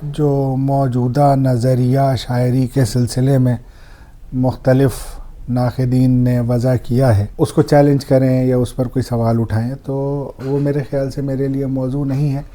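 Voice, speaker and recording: Man, guest poet, very dark warm tone, humble, courteous, recites verse. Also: medium pitch, flat delivery. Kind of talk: reflective conversation on poetry.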